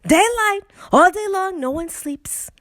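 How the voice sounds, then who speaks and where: A woman's voice: very high-pitched, animated, unhurried, fairly bright tone, no echo, clean studio sound, pitched above the performer's own voice, heavily acted. Woman doing a blustering fearmongering politician.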